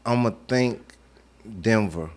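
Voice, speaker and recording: Low male voice, slangy sports co-host, argues informally and repeats points. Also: slow pace, a little mellow. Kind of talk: casual basketball debate.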